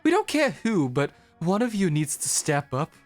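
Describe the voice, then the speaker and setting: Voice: medium pitch, sing-song, normal speed, faint music behind, close to an everyday voice. A streamer voicing an earnest, preachy do-gooder monster, pleading and exasperated, in a dating game read on stream.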